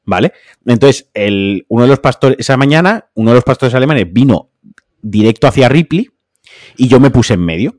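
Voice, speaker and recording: A man's voice: mid-range voice, lively intonation, normal speed, a little mellow, no room sound. A man telling a story in casual podcast chat, blunt and heated, dry close mic.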